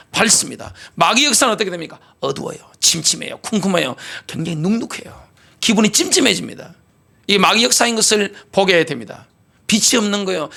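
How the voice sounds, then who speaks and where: A man's voice: high-pitched, gravelly, sharp tone. A middle-aged man preaching a sermon as pastor, driving points home with rhetorical questions and repetition. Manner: repetitive call-and-response delivery.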